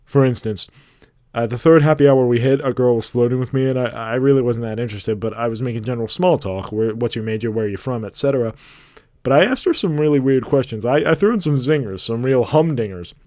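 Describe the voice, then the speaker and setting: A man tells a long, rambling story with a deadpan drawl that jumps into loud emphasis now and then. His voice sits at an ordinary middle pitch, and the sound is dry and close, with no room around it. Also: brisk, no room sound. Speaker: fan voice actor dubbing an animation. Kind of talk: storytelling monologue dub.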